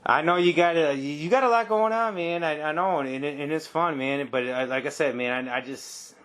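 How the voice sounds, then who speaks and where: A man in his forties hosts a podcast interview casually and warmly thanks his guest, often tacking "man" onto his sentences. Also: on the high side, moderate pace. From Detroit area, United States. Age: 40s. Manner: casual, effusive, says man a lot. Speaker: podcast host.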